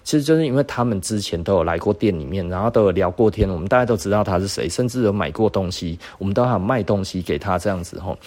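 Podcast host: a man with a Taiwanese accent, swearing, mocking, with a dark warm tone. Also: low voice, fast talker, hardly any pauses. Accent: Taiwanese Mandarin. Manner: profane, scornful, laughs often. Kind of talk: casual storytelling rant.

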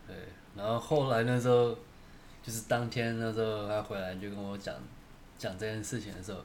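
A young man co-hosts a casual chat. He speaks in a measured, hesitant way, with pauses and fillers, over a faint hiss. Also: lowish voice, flat delivery, a little mellow. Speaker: co-host.

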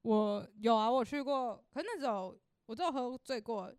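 A young woman co-hosts a casual podcast. Her fairly high voice moves at a fast pace as she chimes in with quick quips. The recording is dry and close. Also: animated, darkish tone, clean tone, no room sound. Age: young adult. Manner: chimes in with laughing reactions and quips. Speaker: podcast co-host. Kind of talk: casual chat.

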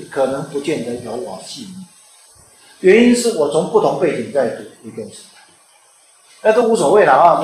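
A man's voice: a little high, a little mellow, slight background noise. A man who is an author and teacher, giving an informal lecture in a conversational way and often checking in with the listeners. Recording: very echoey room.

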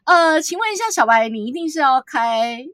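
Woman, podcast co-host, lively storyteller; higher pitch, swoops a lot, dry close sound. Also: moderate pace, no echo. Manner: animated storyteller, acts out quotes, laughs often. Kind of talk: casual storytelling chat.

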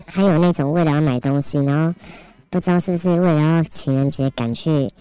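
A woman's voice: low-pitched, fairly quick, dark tone, clean tone, dry recording. A woman guest on a podcast, telling plain stories about difficult customers. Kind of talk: casual anecdote.

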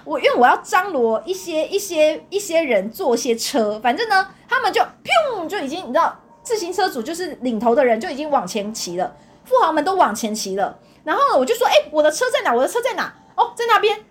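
A woman's voice: high-pitched, a little fast. A young woman tells her own story in a casual chat, laughing often and acting out the dialogue. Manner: animated, laughs often, acts out quoted dialogue. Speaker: podcast co-host telling her own story.

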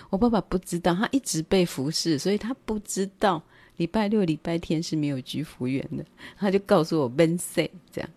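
Low-voiced Taiwanese woman telling family stories. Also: a little mellow, no echo. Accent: Taiwanese Mandarin. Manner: chatty, acts out her parents' words. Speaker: livestream host. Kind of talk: casual storytelling.

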